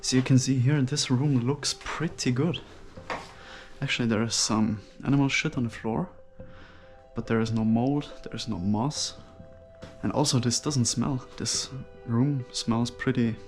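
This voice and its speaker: A man gives a casual exploration commentary, slightly muffled by the face mask he talks through. His mid-pitched voice crackles with vocal fry. He muses in a hushed way as he explores, with faint music underneath. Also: unhurried. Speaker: solo urban explorer vlogger. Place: inside an abandoned hotel's rooms.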